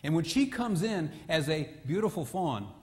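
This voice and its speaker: High-voiced male preacher in a reverberant church. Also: normal speed, background noise. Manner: animated storytelling, drops low and quiet for emphasis. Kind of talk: sermon. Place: church sanctuary. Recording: long church hall reverb.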